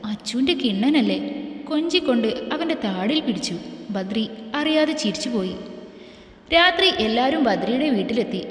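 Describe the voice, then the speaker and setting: A woman narrating a romantic family story in a gentle, steady storybook manner, with a long echo around her voice. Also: on the high side. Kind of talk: scripted narration. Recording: echoey room with long reverb.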